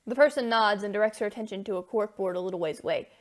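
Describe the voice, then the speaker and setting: A woman narrating a scripted story in a brisk storytelling style. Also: mid-range voice.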